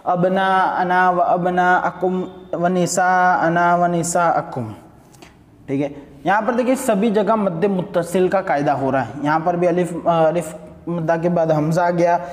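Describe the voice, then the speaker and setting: A man teaching Quran recitation rules. He asks questions and answers them himself, and slowly draws out the recited words between explanations. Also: on the high side, dark tone. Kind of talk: tajweed lesson with recited verses. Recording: echoey room with long reverb.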